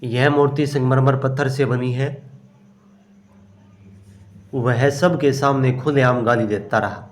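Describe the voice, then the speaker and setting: A man teaching exam-prep grammar, working through each question aloud and answering his own questions. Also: medium pitch. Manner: explains step by step, asks and answers himself; slow and unhurried, often says "okay". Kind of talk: solving a grammar test aloud.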